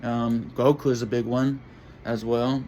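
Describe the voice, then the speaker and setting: A man vlogging in a casual monologue to camera, halting and rambling as he searches for words. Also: mid-range voice, flat delivery, a little mellow, slight background noise.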